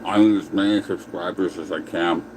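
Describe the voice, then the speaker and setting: A man's voice: low voice, steady tone, normal speed, darkish tone, a little hiss or hum, rough recording. A man chatting casually on a livestream while eating, answering viewer comments and talking with his mouth full. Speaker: livestream host.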